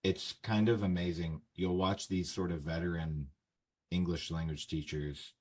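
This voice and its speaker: Deep husky-voiced man hosting a chat. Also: fairly even intonation, a little slow, a little mellow. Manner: explains with many fillers and restarts. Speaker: podcast host and English teacher. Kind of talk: casual conversation.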